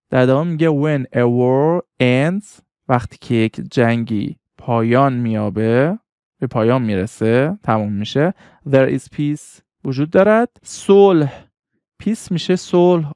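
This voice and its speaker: A man's voice: mid-range voice, a little mellow, no echo, studio quality. A man teaching English vocabulary, patiently repeating each word and its meaning. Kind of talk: vocabulary lesson.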